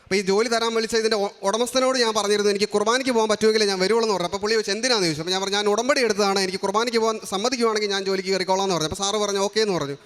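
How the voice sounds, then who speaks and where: A man's voice: sits high, very fast, hardly any pauses, fairly bright tone. A young man from Kerala giving an earnest personal faith testimony, framing each remark as a quote. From Kerala, India. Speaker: testimony giver at a shrine.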